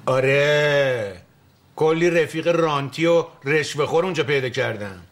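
A man's voice: on the high side, lightly acted. An actor playing a streetwise, scheming man who haggles and teases his brother in a sitcom. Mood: haggling, cocky. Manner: bargaining, teasing, bossy. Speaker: wheeling-dealing brother. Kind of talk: sitcom acting.

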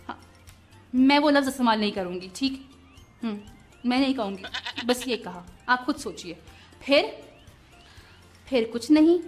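High-voiced woman hosting a kids show. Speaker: children's show host. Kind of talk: talking to children.

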